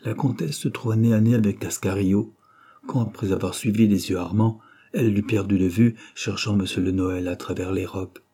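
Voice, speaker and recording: A man narrates a novel as an audiobook, reading in a measured, steady way. His voice is low and dark with a husky texture.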